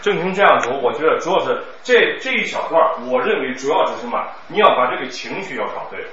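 Brief: middle-aged man, recitation teacher, lively teasing delivery, recorded far off in a boomy, muffled room. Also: fast. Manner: chatty, teasing, laughs often. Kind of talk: classroom coaching and Q&A. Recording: echoey, distant, muffled room with noise.

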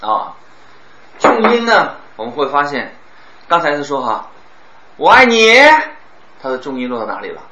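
A man teaches a class on speaking, his pitch leaping about as he acts out stressed words and dramatic pauses. His tone is bright and forceful. The recording is roomy and a little dull, with faint noise behind. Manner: animated, demonstrates words with exaggerated stress and pauses. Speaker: speech teacher.

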